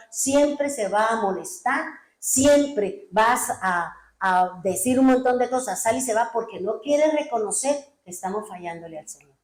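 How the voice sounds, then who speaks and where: A woman pastor delivers an emphatic sermon, firing rhetorical questions at her congregation. Her voice sits fairly high for a woman. The room around her is echoey. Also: a little mellow.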